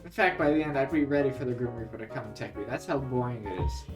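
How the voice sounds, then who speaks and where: An American guy in his late teens delivers a scripted comedic rant. His voice sits at an average pitch, with a cynical, exasperated edge and plenty of sarcasm. He sounds a little distant from the microphone, and music plays behind him. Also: fast talker. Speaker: video creator.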